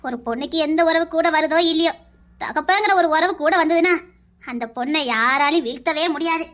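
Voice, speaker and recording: A woman's voice: high-pitched, brisk, a bit bright, slight background noise. An actress in a TV serial playing a young woman who speaks with tearful, heartfelt emotion about her father. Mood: earnest.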